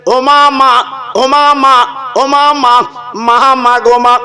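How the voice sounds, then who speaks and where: High, bright-voiced male preacher. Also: flat delivery, extremely slow. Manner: storytelling with acted dialogue and asides. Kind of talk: sermon.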